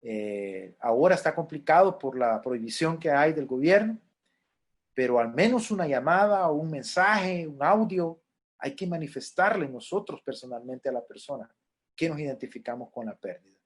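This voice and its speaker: A man's voice: a little high, expressive, normal speed, slightly rough. A middle-aged man, a pastoral counselor, lecturing a class on grief in an earnest way, repeating key points and acting out what people say.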